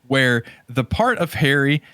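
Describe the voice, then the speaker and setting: Very animated but a little slow, this male podcast host riffs on movies with strong opinions, repeating phrases as he drives his points home emphatically. His mid-pitched voice is fairly bright, clear and resonant, captured dry with no room sound.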